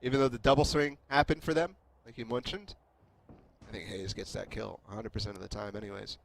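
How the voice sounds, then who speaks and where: A man's voice: lowish voice, steady tone, fairly quick, creaky, slight background noise. A man working as an esports caster, giving live analysis and explaining tactics.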